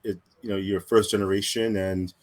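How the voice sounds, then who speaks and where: A man around forty, raised in New York, speaking as an entrepreneur guest over a video call, relaxed and reflective with frequent pauses and fillers. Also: deep voice. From Staten Island, New York, born in Cameroon. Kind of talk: conversational interview.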